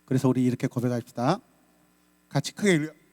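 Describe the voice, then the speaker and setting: A man's voice: medium pitch, quick pace, a little mellow, long reverb tail. A man from South Korea preaching a Sunday sermon as pastor, emphatic and rousing, calling out lines for the congregation to repeat.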